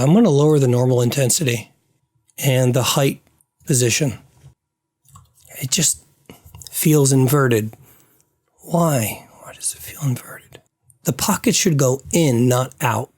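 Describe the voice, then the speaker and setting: A man's voice: medium pitch, darkish tone. A man thinking aloud as he works through a game-building session on screen, muttering to himself and trailing off, his voice starting to give out. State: losing his voice. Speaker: game developer.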